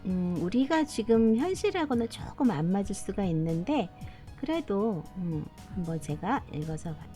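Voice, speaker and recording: A woman's voice: medium pitch, big pitch swings, moderate pace, dark tone, faint music behind. A middle-aged woman hosting a casual live stream, talking motherly to viewers as her children and laughing often.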